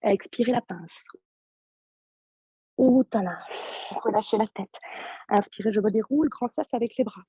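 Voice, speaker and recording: A woman yoga teacher with a sore throat, giving calm, soft-spoken step-by-step cues over a video call. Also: medium pitch, moderate pace, long pauses, breathy edge, no echo. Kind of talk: guided yoga class instruction.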